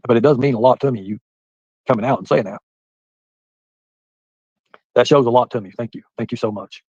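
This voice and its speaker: A man's voice: mid-range voice, fairly quick, darkish tone, breathy edge, no room sound, muffled recording. A man in his forties chatting on a live stream, rambling and talking straight to his viewers by name. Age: 40s. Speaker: livestreamer reading chat. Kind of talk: casual live-stream chat.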